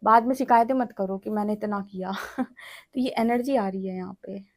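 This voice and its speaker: A woman's voice: mid-range voice, moderate pace. A woman giving a tarot reading in a direct, lecturing way, often checking in with the listener. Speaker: tarot reader.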